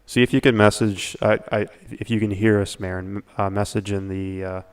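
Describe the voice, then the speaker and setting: A man's voice: on the low side, little pitch movement, a little fast, smooth. A man co-hosting a casual podcast livestream, playful and joking as he reads the chat aloud. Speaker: podcast co-host.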